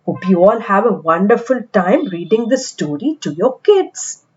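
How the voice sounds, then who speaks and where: Reading a picture book to young children, a woman uses an expressive, deliberate storytelling style. Her voice is medium-pitched, and the recording has its highs cut off.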